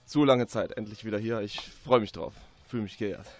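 An author speaks on the radio in a lowish voice, reflective and conversational, frequently pausing while he shapes what he wants to say. The recording is dry, with soft music playing in the background.

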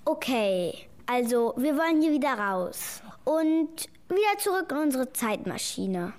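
A woman's voice: sits high, very animated, measured pace, a little mellow. A woman playing a worried, questioning child in a children's radio play.

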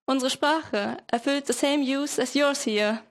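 Teen girl putting on a smug posh-british word guy, mixing english in, highish voice. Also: a little slow. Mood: self-assured. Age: teens. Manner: mixes English into German, self-assured. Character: cocky male anglicism word with mock British accent.

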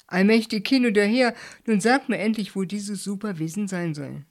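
A woman's voice: mid-range voice, moderate pace, close to an everyday voice. A woman voicing a skeptical male journalist who mocks his friend with exasperation, in a German audiobook story. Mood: exasperated. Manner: mocking, exasperated.

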